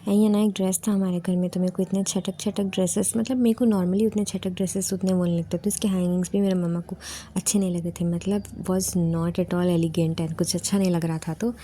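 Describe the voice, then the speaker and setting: Mellow-voiced young woman vlog narrator. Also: lowish voice, level tone, fairly quick, a little hiss or hum. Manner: chatty, rambling, mixes English words into Hindi. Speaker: vlogger. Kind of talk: casual voice-over narration of a day vlog.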